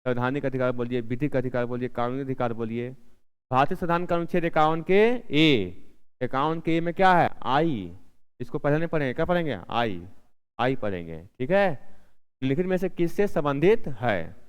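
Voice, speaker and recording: A man's voice: medium pitch, expressive, brisk, clean tone. A man teaching with quiz questions, in a room with long reverb. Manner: asks questions and answers them himself; repeats key answers several times. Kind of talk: exam-prep lesson.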